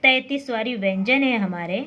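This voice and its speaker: Female teacher, patient lesson delivery, drawn-out letter by letter, muffled recording. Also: on the high side. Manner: slow, drawn-out recitation of letters; patient explaining with repeated checks. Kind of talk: Hindi alphabet lesson. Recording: dull lo-fi recording with faint noise.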